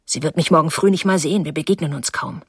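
A woman voicing a moody, stubborn young man who answers curtly in a lowered voice. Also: fast, breathy edge, no echo, studio quality. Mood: pleading.

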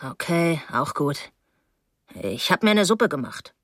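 A woman voicing a moody, stubborn young man who answers curtly in a lowered voice. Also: lively intonation, measured pace, dry recording, clean studio sound. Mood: sulky.

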